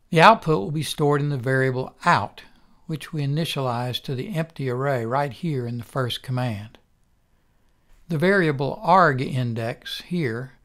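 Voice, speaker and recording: An older man instructor giving a calm, methodical recorded programming lecture. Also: medium pitch.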